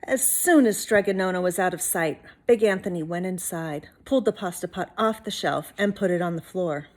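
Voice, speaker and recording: A woman reading a storybook to children like a teacher, expressively, pausing to put questions to the listeners. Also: on the low side, darkish tone. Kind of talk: storybook read-aloud for children.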